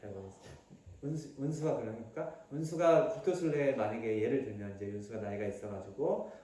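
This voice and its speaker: A man's voice: mid-range voice, brisk, far from the mic. Man preaching in a very echoey hall. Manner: coaxing, question-asking, acts out shouting. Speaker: pastor. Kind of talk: family sermon with questions to children. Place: church hall.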